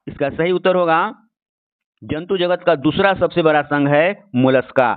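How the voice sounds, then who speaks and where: A man teaching a science quiz, methodically reading out multiple-choice questions and explaining the answers, repeating key phrases. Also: fairly high pitch. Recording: narrow-band, phone-like sound.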